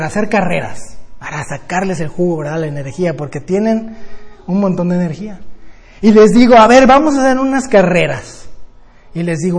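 An older man, a grandfather, teaching a Bible study sermon in a lively storytelling way, often ending with tag questions. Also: high-pitched, breathy edge, long reverb tail.

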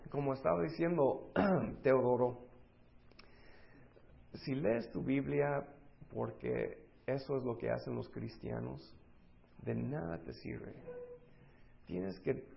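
A man preaching a sermon, acting out the voices of the people in his story and moving between loud and hushed delivery. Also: medium pitch, takes it slowly, gravelly, long pauses, highs cut off.

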